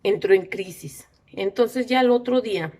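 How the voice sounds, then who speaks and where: A middle-aged mother tells her own story casually, halting and restarting with many fillers, growing indignant. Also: medium pitch, dark tone.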